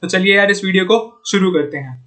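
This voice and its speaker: Upbeat young tutor, bright high voice. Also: male voice, a little fast, faint music behind. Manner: chatty, upbeat, calls viewers "bhaiya" and "yaar". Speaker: online exam-prep tutor. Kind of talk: informal Hindi lesson solving puzzles.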